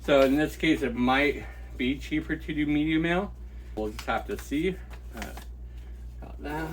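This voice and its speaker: A man's voice: a little high, unhurried, slight background noise. A man running a reseller vlog who talks casually and thinks aloud as he packs and ships orders, thanking each buyer by name. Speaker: online reseller. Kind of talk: casual packing-and-shipping vlog.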